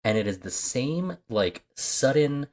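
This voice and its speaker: A man's voice: medium pitch, very animated, slow pace, darkish tone. A man co-hosting a movie podcast, chatting casually with rambling asides and lots of fillers. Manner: rambling, many fillers and restarts. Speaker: podcast co-host. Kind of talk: casual movie-talk chat.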